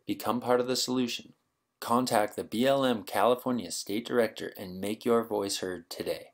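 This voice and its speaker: A man's voice: fairly low pitch, moderate pace. A man reading scripted promotional documentary narration as the narrator. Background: music with plucked guitar.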